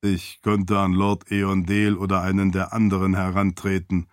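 A man's voice: low voice, monotone, moderate pace, no echo, studio quality, lightly acted. A man voicing a dutiful floating light-spirit servant in an audiobook, stiff, formal and deferential. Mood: firm. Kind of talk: audiobook character voice.

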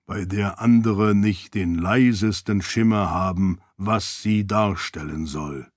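A man voicing a non-human spirit-servant, speaking slowly in a deep, grave and measured voice. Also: dry recording, clean studio sound. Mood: solemn.

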